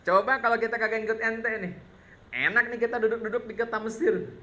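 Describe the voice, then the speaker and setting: A man's voice: high-pitched, brisk, bright, forceful tone, pitched above the performer's own voice. A man voicing a whiny crowd of Israelite men who grumble and blame their leader in slangy street talk. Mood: grumbling.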